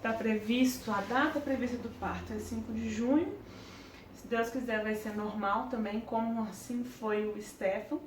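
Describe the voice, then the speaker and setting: A woman's voice: a little high, steady tone, normal speed, roomy sound, recorded from a distance, slight background noise. A young woman with a Brazilian Portuguese accent, telling a personal story to her vlog camera in an earnest way, in short broken phrases. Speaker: parenting vlogger.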